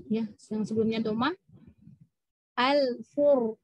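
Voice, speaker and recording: A woman's voice: fairly high pitch, fairly even intonation, a little mellow, dry recording, dull audio. A woman teaching Quran recitation rules at a mosque women's session, patiently drawing out Arabic example words. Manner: patient, drawn-out demonstration of Arabic sounds. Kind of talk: tajweed lesson with recited examples.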